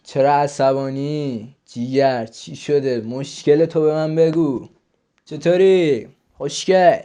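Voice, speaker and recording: A YouTuber chats with strangers on a video-chat site, crude and teasing, swearing often and drifting into a coaxing older-brother tone. His voice is a little high and dark, with a steady tone.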